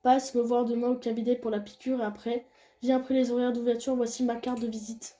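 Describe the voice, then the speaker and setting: A young woman reading a visual novel aloud and chatting casually about the game as she plays. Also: brisk. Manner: reads game dialogue in a soft low voice, chats loudly and excitedly between scenes. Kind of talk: casual let's-play commentary.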